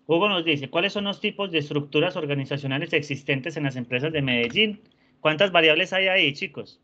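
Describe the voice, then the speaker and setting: A man teaching an online class, patient and encouraging, often softening words with diminutives. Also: a little high, a little fast. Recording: dull lo-fi sound.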